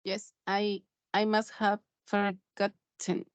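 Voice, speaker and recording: A woman's voice: medium pitch, level tone, clear, resonant tone, dry recording, highs cut off. A woman student repeating English phrases carefully after her teacher. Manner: slow, careful repetition.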